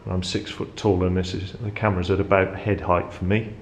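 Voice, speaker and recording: A man's voice: sits low, flat delivery, a little fast, vocal fry. A man acting as tour guide, explaining machinery in an informal, unscripted way inside a ship's engine room. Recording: echoey metal room, background hum.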